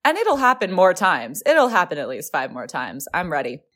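A woman's voice: fairly low pitch, moderate pace. A woman guest on a podcast, chatting casually and with enthusiasm. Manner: enthusiastic, animated. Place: remote call from a flat.

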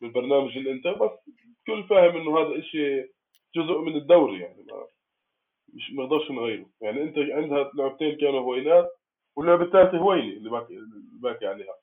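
A man's voice: mid-range voice, animated, rapid-fire. A man with a Palestinian Arabic accent discussing football casually as a fan, restarting his phrases as he goes, on a thin call line. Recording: tinny, phone-like call audio.

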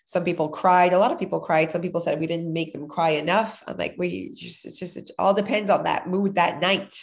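Sounding slightly nasal and a bit under the weather, a woman in her thirties co-hosts a chatty podcast, laughing frequently. She speaks a little fast in a fairly low, creaky voice with fairly even intonation.

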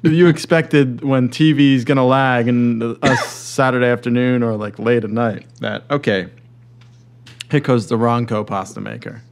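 A man's voice: mid-range voice, fairly even intonation, measured pace, gravelly. A man hosting a casual comedic commentary chat, talking informally and joking. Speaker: show host.

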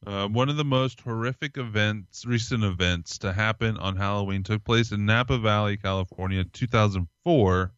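Lower-voiced man reading stories aloud. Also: fairly even intonation, moderate pace, few pauses, a bit bright, clean tone, no echo, highs cut off. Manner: reads from articles, laughs, hesitant fillers. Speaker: podcast co-host.

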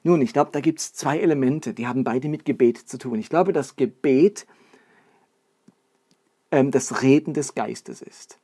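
A man's voice: mid-range voice, unhurried, dark tone, husky. A man giving a sermon, explaining earnestly and building his points with lists and rhetorical questions. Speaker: preacher. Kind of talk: sermon teaching.

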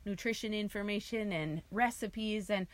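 A woman's voice: mid-range voice, moderate pace. A playful, giggly woman co-hosting a casual podcast, chatting from inside a large clothes closet. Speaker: podcast co-host and realtor. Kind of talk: casual two-person podcast chat. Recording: dry closet recording.

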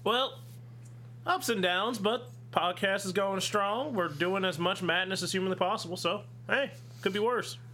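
A man's voice: high-pitched, normal speed, sharp tone, slight background noise. A man chatting casually as a guest on a podcast. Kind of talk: casual chat.

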